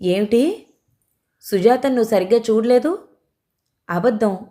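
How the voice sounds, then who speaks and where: A woman reading out a troubled young husband who turns urgent and commanding. His lines come in a mellow, warm tone from a storybook reading. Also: on the high side, animated, measured pace, pitched above the performer's own voice. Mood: harsh.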